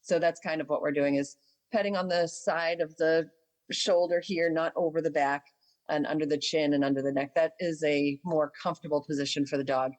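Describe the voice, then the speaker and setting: A woman with a lowish voice talks through dog training in a relaxed, instructive way. She explains step by step, patient and practical, pausing on little ums. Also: rough recording. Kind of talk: casual explanatory chat.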